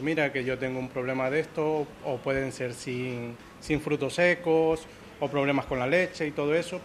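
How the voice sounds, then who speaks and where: A man's voice: fairly high pitch, a little hiss or hum. A man from Ecuador who manages a pastry shop, answering interview questions in a hesitant way, repeating words and checking in with "¿vale?".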